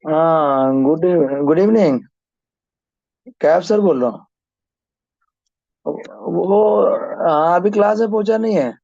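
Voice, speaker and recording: Male maths teacher, north Indian Hindi speaker, fairly high pitch, brisk and pushy with students, dull dry classroom recording. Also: animated, creaky, warm tone, dry recording. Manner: brisk, urging students to hurry.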